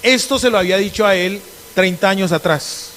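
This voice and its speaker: A middle-aged pastor, a man from Colombia with an Antioquian accent, preaching a lively sermon and acting out conversations in different voices. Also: high-pitched, a little fast, slight background noise. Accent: Antioquian Colombian Spanish.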